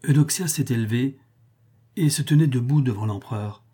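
A man narrating an audiobook in a measured, lowered tone. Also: mellow, breathy edge.

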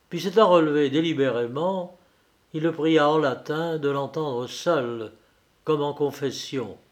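A man reading a literary story aloud in a measured, deliberate way, with occasional small hesitations. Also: on the high side. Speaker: audiobook reader.

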